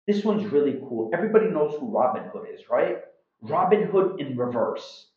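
An animated, emphatic middle-aged man from Iran teaches slang informally to camera, acting out his examples in a fairly high pitch. He is an English teacher and video host recording indoors in a small home room, and the sound is roomy and slightly dull.

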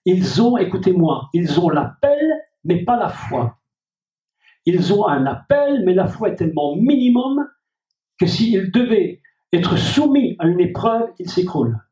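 A man's voice: high voice, sing-song, unhurried, dark tone. A man preaching a sermon as pastor, repeating key phrases and speaking directly to the congregation. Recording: dull, echoey hall recording from a distant mic.

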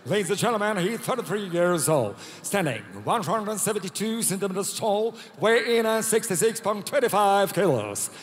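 An older man with a Russian accent, working as a ring announcer with brash promoter hype and drawn-out shouted names. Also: high voice, expressive. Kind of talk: bilingual Russian and English fight announcing. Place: fight cage in a large indoor arena. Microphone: handheld microphone. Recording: arena PA with long hall reverb.

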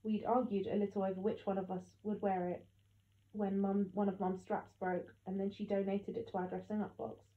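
A woman narrating an audiobook in the first person with steady storytelling. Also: mid-range voice, moderate pace. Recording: echoey tinny phone-like sound.

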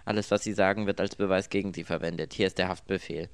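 A man's voice: low-pitched, fairly even intonation, fast talker, clean tone, dry recording. A man doing a firm police detective.

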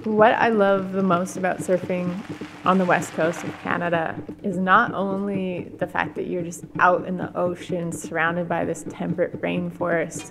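A young woman photographer narrating her trip in a relaxed, thoughtful voice-over. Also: on the low side, gravelly, noisy background. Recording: voice-over with loud guitar music behind.

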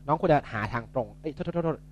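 A man's voice: on the high side, very fast, a little hiss or hum. A young man tutoring physics in a casual, chatty way, joking and correcting himself as he works through problems.

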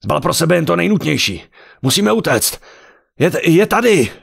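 Man playing a desperate warrior husband shouting. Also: on the high side, very animated, vocal fry, breathy edge, voice pushed up, heavily acted. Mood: urgent. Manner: urgent shouting.

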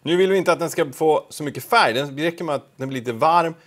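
A man hosting a casual home cooking video, talking to the camera while he cooks, with offhand, self-deprecating asides. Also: on the high side. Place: home kitchen.

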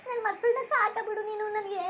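Woman doing a crying elder sister-in-law, cartoon village wife, very high voice, sobbing lament. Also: fairly even intonation, brisk, noisy background. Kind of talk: cartoon voice acting.

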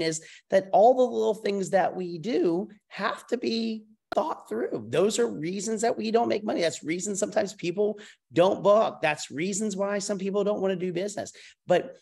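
A man's voice: high voice, vocal fry. Rambling middle-aged man on a video call. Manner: loose, rambling, swears casually, talks with his hands. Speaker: company CEO hosting a panel. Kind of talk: casual panel talk on a video call. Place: wood-paneled home room. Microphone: video call webcam.

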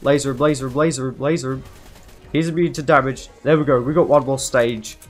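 A man's voice: mid-range voice, fairly even intonation, moderate pace, faint music behind. A man giving live commentary over his gameplay, frantic and anxious, repeating himself over and over as he talks. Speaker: gaming video creator.

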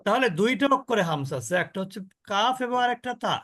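A man teaching a Quran recitation class, explaining slowly, asking and answering his own questions, and demonstrating each sound over and over. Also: high voice, expressive, fairly bright tone, no echo. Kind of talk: online tajweed class.

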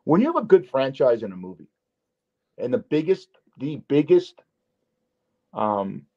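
A man's voice: medium pitch, big pitch swings, a little slow, dark tone. Rambling man on a dull, lo-fi line. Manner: rambling, restarts, emphatic storytelling. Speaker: podcast host. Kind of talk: casual chat. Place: Las Vegas. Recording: dull lo-fi audio.

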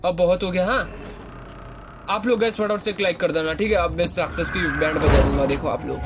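Excitable young man playing a horror game. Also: fairly quick, slight background noise. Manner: excitable, yelps high when scared, swears playfully. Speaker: gaming YouTuber. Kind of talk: live horror game commentary. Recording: game music loud behind voice. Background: horror game music.

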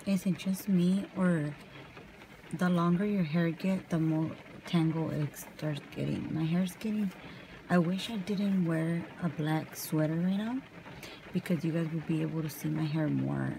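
Young woman, relaxed rambling ASMR talk, mellow low voice, close mic in a car. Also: a little slow, creaky, slight background noise, low-quality recording. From California. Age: young adult. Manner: softly spoken, rambling and casual while brushing her hair. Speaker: vlogger. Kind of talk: soft-spoken ASMR chat. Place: parked car at night, rain outside. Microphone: camera close up.

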